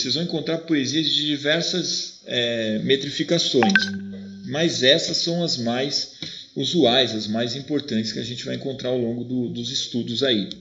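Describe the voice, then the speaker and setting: A man's voice: medium pitch, bright, forceful tone, muffled recording. A man teaching a literature class with a Brazilian Portuguese accent, talking through his slides in a conversational way and often checking in with his students. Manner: conversational, keeps checking in with "né?" and "tá bom?". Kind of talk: recorded online class with slides.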